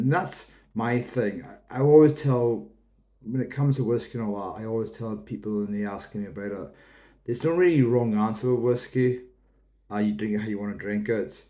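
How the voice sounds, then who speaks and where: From the Isle of Lewis in the Outer Hebrides, this whisky reviewer is a man in his thirties with a Hebridean Scottish accent. He talks to camera in a casual, rambling, explanatory style, and his voice is fairly low and mellow.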